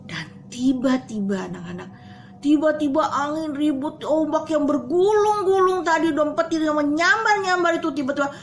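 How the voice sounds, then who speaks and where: A woman speaking at a school chapel, telling children a Bible story in an animated way and talking straight to them. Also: high-pitched, normal speed, a little hiss or hum. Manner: swings between soft hushed asides and loud excited bursts.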